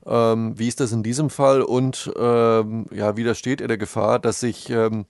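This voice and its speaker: A man with a gravelly, creaky voice asks about a novel in a casual interview. He halts and searches for his words. The recording is dry and close. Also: medium pitch, little pitch movement, measured pace, darkish tone, no echo.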